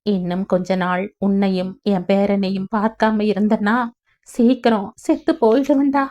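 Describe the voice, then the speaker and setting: A woman's voice: mid-range voice, steady tone, measured pace, mellow, close to an everyday voice. A woman reading the part of an ailing elderly mother who pleads tearfully and breathlessly. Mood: pleading. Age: older.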